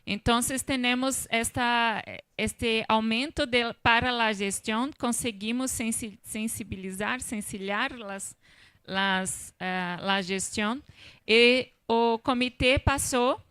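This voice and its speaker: A woman with a Brazilian accent gives a panel presentation at a slow, halting pace. Her voice is clean and smooth, closely recorded and dry. A native Portuguese speaker, she speaks portuñol, blending Spanish with Portuguese as she searches for words. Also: on the high side, fairly bright tone, no echo.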